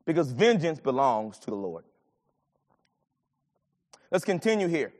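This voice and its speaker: A man preaching with a high, lively voice that leaps up and sinks back down as he moves between scripture and storytelling. His sermon rings out with a long reverb, like a large hall. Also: a little slow. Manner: animated, swings from low murmurs to shouted lines. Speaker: pastor.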